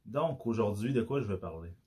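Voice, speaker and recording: A man's voice: fairly low pitch, expressive, a little fast, warm tone, breathy edge. A man with a Québécois accent, hosting his own podcast in a casual, hesitant monologue full of restarts and fillers. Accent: Québécois French. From Quebec. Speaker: podcast host.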